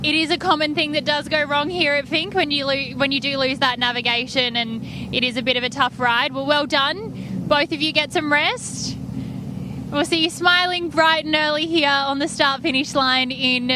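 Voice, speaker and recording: High-voiced woman reporting trackside. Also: fairly even intonation, normal speed. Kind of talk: live sports interview. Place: outdoors at a race start-finish line. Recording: outdoor vehicle noise.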